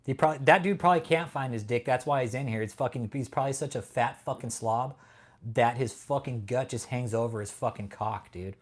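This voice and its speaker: Talking a little fast in a mid-range voice, this California man hosts a live stream. He reads through chat and mocks a troll in casual banter loaded with swearing and laughter.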